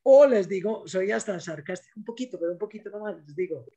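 A man's voice: high voice, animated, fast, warm tone, breathy edge. A man giving a business training talk, coaching salespeople in an emphatic, direct way.

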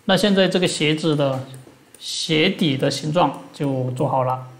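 A man walks through a screen-recorded software tutorial one step at a time. His voice is gravelly and sits a little high, and he explains each action plainly as he goes. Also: a little slow. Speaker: instructor.

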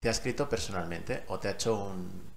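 A man's voice: fairly low pitch, a little fast, vocal fry, noisy background. A man casually walks viewers through a gaming tutorial, often checking they are following. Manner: chatty, keeps checking in with listeners. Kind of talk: casual screen-recorded tutorial.

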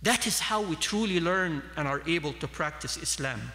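A man's voice: fairly high pitch, expressive, moderate pace, sharp tone. A man in his thirties from Egypt giving an earnest sermon at a lectern mic in a large mosque hall, gesturing as he speaks. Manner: earnest, gesturing with both hands. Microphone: standing mic at a lectern. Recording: long hall reverb.

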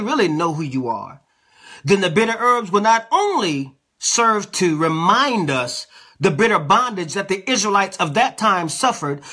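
A man's voice: high-pitched, pushed and bright, breathy edge. A man teaching a sermon as an apostle, reading scripture and explaining it in a conversational way, often checking in with his listeners. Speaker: apostle, preacher.

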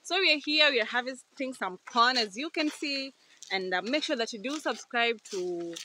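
A woman's voice: on the high side, lively intonation, normal speed, sharp tone. A young woman explaining step by step in a cheerful, casual vlog chat outdoors on a farm, picked up by the vlogger's phone. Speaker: guest. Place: outdoors on a rural maize farm. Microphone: vlogger's phone camera. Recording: outdoor farm noise behind.

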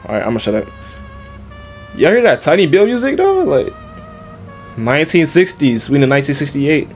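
A man giving casual let's-play commentary, talking in slang and reacting out loud to the game. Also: fairly high pitch, sing-song, fairly quick, faint music behind. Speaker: gaming YouTuber.

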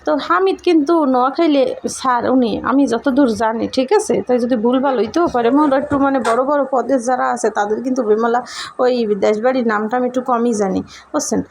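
A woman with a Barishal Bengali accent talks straight to her viewers in a loose, rambling vlog style, her voice sitting a little high. She teases along as she goes, poking fun at the cameraman. The sound comes from a camera her husband holds. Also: a little fast, gravelly, darkish tone, a little hiss or hum. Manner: rambling and teasing, jokes at the cameraman. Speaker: vlogger. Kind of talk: casual chatty vlog talk to viewers. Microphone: camera held by her husband.

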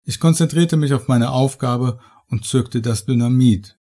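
A man reading first-person horror audiobook narration in a measured, dramatic way. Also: medium pitch, mellow.

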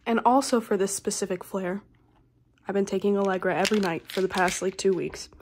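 A woman's voice: medium pitch, steady tone, brisk, a little mellow. Casual young woman vlogger, faint background noise. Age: young adult. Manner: blunt, sweary, self-deprecating. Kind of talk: casual chat to camera. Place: small bathroom at home. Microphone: phone camera close to the face. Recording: slightly noisy home phone recording.

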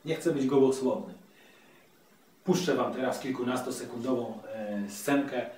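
A man's voice: mid-range voice, normal speed, darkish tone. Chatty man reviewing, very echoey room. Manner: chatty, playful. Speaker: audiobook reviewer, host. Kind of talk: casual video review. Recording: very echoey room, distant mic.

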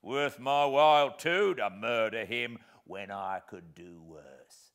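A man reading aloud and voicing a rough escaped convict who shouts in gruff, scornful defiance. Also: medium pitch, very animated, a little slow, voice pushed up.

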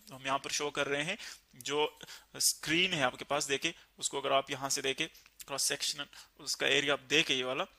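A man teaching a physics lesson, explaining slowly and repeating key terms. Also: a little high, bright, forceful tone.

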